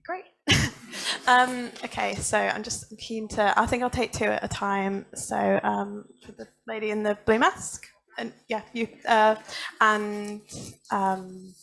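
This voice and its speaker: A woman moderates a panel Q&A, hesitant and full of fillers as she picks the next questioners. Her voice has a noticeable gravelly fry at a middle pitch. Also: steady tone, slow pace, fairly bright tone, rough recording. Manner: hesitant, lots of fillers, light laughs. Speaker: panel chair.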